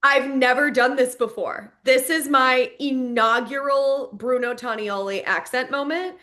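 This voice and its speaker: A woman's voice: high voice, a little slow, fairly bright tone. A woman co-hosting a casual podcast, bubbly and enthusiastic with slangy phrasing. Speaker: podcast co-host. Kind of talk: casual chat.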